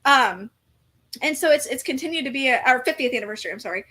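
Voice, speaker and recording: A woman in her forties co-hosts a podcast, telling a story in casual conversation full of fillers and restarts. Her voice is high and sharp, and she talks fast and animatedly in a rambling way.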